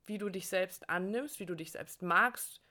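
A woman co-hosting a coaching podcast, speaking directly to the listener in a warm, encouraging way. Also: mid-range voice, moderate pace. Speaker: co-host, relationship coach. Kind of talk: conversational podcast talk.

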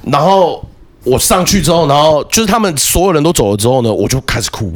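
A man telling a childhood story as a podcast guest, animated, with quick repeated words and restarts. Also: a little high. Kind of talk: casual storytelling chat.

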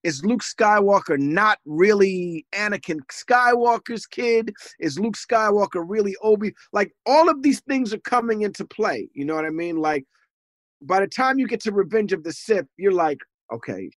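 A man's voice: high-pitched, animated, moderate pace, dry recording. A man in casual, opinionated podcast chat, often acting out imagined thoughts and questions. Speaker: podcast host.

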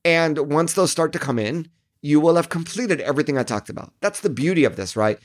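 A man's voice: fairly high pitch, animated, brisk. A middle-aged man hosting a solo podcast as a marketing coach, talking directly to listeners from his home office in a friendly coaching tone, his voice a little worn. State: slightly losing his voice.

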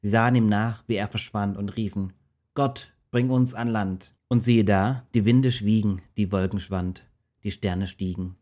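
A man tells a Bible story in rhymed verse. His reading is steady and rhythmic, in a lowish, mellow voice. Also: moderate pace.

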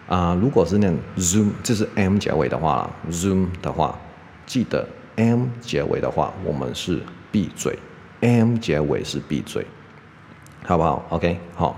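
A man with a very low voice gives a relaxed pronunciation lesson, sounding out letters slowly and repeating them. He checks in with his listeners with "OK?" after almost every point. The room has a lingering echo and faint noise in the background. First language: English. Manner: ends nearly every sentence with a checking "OK?". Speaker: English pronunciation teacher. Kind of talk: casual spoken lesson.

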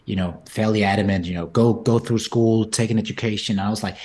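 A man's voice: lowish voice, fairly even intonation, brisk, a little mellow. A man in his forties from Denmark with a Danish accent, a guest on a podcast interview, talking thoughtfully with many restarts. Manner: frequent restarts and repeated words, thoughtful. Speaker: guest entrepreneur.

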